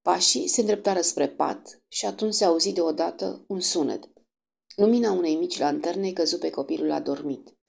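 A woman narrating an audiobook in a steady, measured storytelling manner. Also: fairly low pitch, gravelly, husky.

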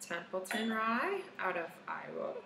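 A woman's voice: on the high side, very animated, measured pace, pushed and bright, roomy sound, slight background noise. A woman co-hosting a casual whiskey tasting chat in a bar's party room, talking hesitantly with many fillers. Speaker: co-host, bar manager.

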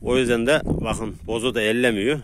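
A man casually talking to viewers while herding sheep with his dogs outdoors, laughing often and calmly calming the dogs. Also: medium pitch, moderate pace. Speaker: shepherd vlogger. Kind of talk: casual outdoor vlog narration. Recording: outdoor noise, wind and animals.

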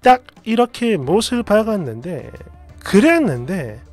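A man's voice: high-pitched, very animated, a little slow, a little mellow, faint music behind. A man reading online posts and comments aloud in a dramatized way, emotive and indignant as he acts out the quotes. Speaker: storyteller narrator.

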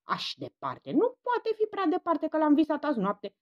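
A booming, demanding older woman, put on by a woman narrator, who shouts over everyone in a blunt everyday tone. Her voice stays high and loud. The sound is slightly dull. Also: wildly swooping pitch. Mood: insistent.

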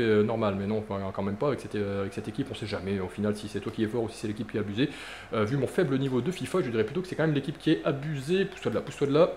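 A young man giving jokey, excitable commentary while playing a football video game. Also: mid-range voice, roomy sound, slight background noise. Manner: jokey, excitable, chatty, with playful silly noises. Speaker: gaming YouTuber. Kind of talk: live gameplay commentary.

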